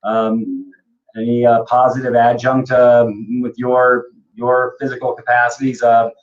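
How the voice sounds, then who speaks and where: A man's voice: medium pitch, little pitch movement, unhurried. A man hosting a casual talk show who speaks hesitantly, with many ums and uhs. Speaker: host. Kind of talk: casual chat. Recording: dull lo-fi sound.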